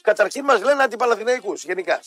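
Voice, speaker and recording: A man's voice: high voice, lively intonation, a bit bright, no echo. A man co-hosting a sports radio show, speaking bluntly and provocatively in slangy talk. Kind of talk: casual sports radio banter. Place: radio studio. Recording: radio broadcast with faint music.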